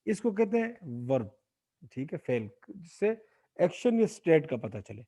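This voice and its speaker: Over a video call, a high-voiced man with a dark tone teaches Arabic grammar in an online Quran lesson. Very animated, he explains a point, poses a question to the class, and keeps asking his students to answer aloud.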